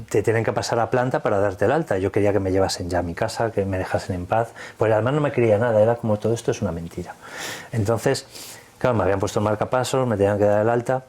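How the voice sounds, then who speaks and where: Man, low-pitched, rapid delivery, retells conversations with animation; interview guest. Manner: animated, acts out dialogue in retelling. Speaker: guest telling his story. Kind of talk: casual storytelling interview.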